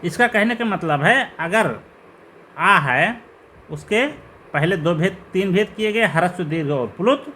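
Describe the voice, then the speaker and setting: In a lecture on Sanskrit grammar, this man leads the class by asking questions as he slowly and repeatedly lists terms, his pitch rising on each. He has a high, expressive voice that is pushed and bright, with a little hiss or hum.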